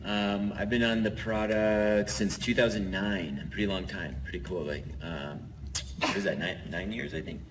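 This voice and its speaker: A man's voice: fairly low pitch, steady tone, moderate pace. A man speaking on an athlete panel, hesitant and full of fillers. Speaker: panelist, pro triathlete. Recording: noisy event room.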